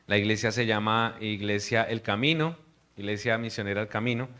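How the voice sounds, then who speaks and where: A man's voice: lowish voice, steady tone, a little fast. A young man from Colombia, a missionary preaching an earnest sermon to a congregation. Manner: earnest, warm preaching with hushed prayer.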